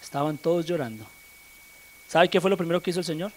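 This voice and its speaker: A male preacher delivering a Spanish-language church sermon, swinging from hushed, whispered retellings to loud, shouted climaxes. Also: fairly high pitch, quick pace, a little hiss or hum.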